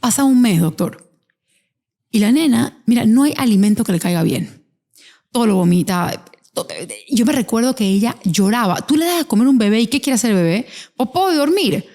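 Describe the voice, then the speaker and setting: A woman hosting an interview, telling a family story in a lively, animated way. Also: on the high side, normal speed. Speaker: host. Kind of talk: conversational interview.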